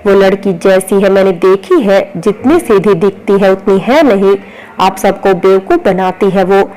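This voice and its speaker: A woman's voice: mid-range voice, measured pace, dark tone, natural voice, poor audio. Lady reading a sulky defiant young girl, storybook. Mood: angry.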